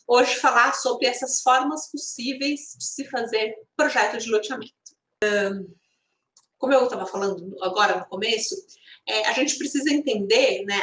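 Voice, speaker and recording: Casting: Brazilian woman, live stream instructor, conversational and explanatory, fairly high voice, roomy echo. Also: fairly bright tone. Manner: conversational, often adding tag questions. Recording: echoey room sound.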